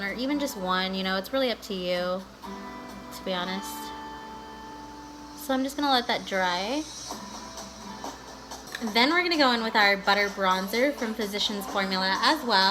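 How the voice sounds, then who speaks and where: A woman's voice: medium pitch, poor audio. A woman giving a casual, chatty makeup tutorial in a bubbly, gushing, playful way, peppering her talk with filler slang like a vlogger. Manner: bubbly and gushing, with valley-girl style "like" and "guys"; playful, breaks into sing-song bits and exclamations. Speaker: beauty vlogger. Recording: music playing behind the voice. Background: music.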